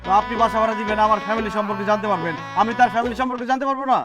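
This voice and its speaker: This is a boastful young flat-hunter in a comedy sketch, played by a man. He rattles along at breakneck speed in a raised voice, sometimes half-singing his lines. Faint music sits behind him. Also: high-pitched, rapid-fire, natural voice. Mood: bargaining. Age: young adult. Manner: boastful, breaks into sing-song. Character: brash cocky young man, full of himself. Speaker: son looking for a flat.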